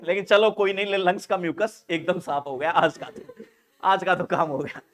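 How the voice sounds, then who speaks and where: High-voiced joking nursing teacher. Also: male voice, moderate pace. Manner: joking, teasing students for laughing; animated, laughs often. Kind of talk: online class lecture.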